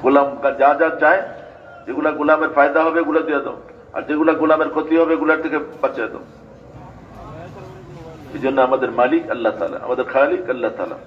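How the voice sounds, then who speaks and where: A man's voice: on the high side, steady tone, fairly quick, long pauses. An older man from Bangladesh giving a sermon, telling stories and chanting invocations. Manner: storytelling preaching with chanted invocations. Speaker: preacher. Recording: dull lo-fi recording.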